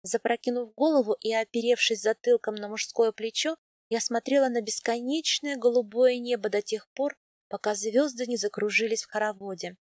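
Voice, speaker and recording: A woman reading a first-person novel aloud in an even, intimate storytelling manner. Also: on the high side, moderate pace, no room sound, studio quality. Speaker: audiobook narrator. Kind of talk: first-person scripted narration.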